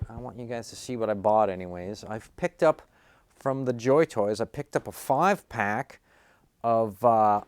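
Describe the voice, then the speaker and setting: A man's voice: medium pitch, smooth, no room sound. A man talking casually to camera, rambling with lots of fillers as he explains and unboxes a package. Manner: relaxed, rambling with many fillers. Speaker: toy collector vlogger.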